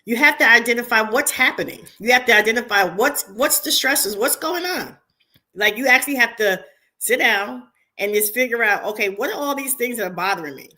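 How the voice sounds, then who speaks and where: A middle-aged woman speech therapist, a podcast guest, giving earnest, measured advice in casual conversation. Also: on the high side, expressive, pushed and bright.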